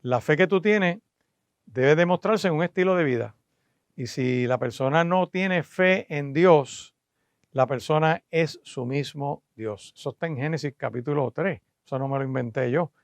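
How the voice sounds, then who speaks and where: A pastor preaches on the radio, speaking a little higher than most men. He teaches earnestly, often pausing on "eh" and turning to speak straight to his listeners. The recording is dry and close. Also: no room sound. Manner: earnest teaching, frequent "eh" fillers, direct address. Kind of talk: radio sermon.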